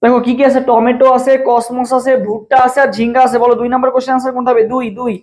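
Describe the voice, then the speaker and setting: Fast-talking young tutor drilling questions. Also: male voice, extremely high pitch, completely flat delivery, darkish tone. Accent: Bangladeshi Bengali. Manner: fast, repetitive, drills each question over and over. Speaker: admission test tutor. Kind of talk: live-streamed exam prep class.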